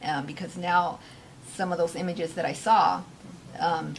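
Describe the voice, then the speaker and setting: A woman reading audience questions aloud at a faith-based meeting and candidly sharing her own view in a soft-spoken way. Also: on the low side, fairly even intonation, unhurried, creaky, slight background noise, low-quality recording. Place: meeting room.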